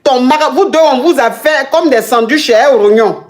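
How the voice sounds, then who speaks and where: A woman's voice: high voice, normal speed. A woman hosting a call-in advice show as the coach. She retells the caller's story dramatically and acts out the quotes. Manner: talks straight to the caller, teasing and exclaiming.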